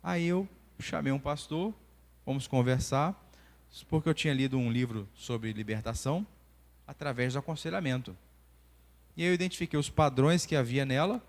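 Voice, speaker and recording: Medium in pitch and normal in pace, this Brazilian man in his forties teaches a church class as a doctor. He has a Brazilian Portuguese accent and tells personal stories with energy, playing out each line of dialogue. The sound carries the long reverb of a church hall.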